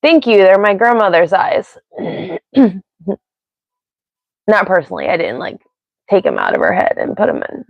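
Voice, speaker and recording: A woman's voice: medium pitch, wildly swooping pitch, moderate pace, vocal fry, pauses often, no room sound. An American woman with a mixed Pennsylvania and Ohio accent, hosting a casual live stream and rambling off on tangents with frequent giggles. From United States. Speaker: livestream host. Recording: dry, slightly dull sound.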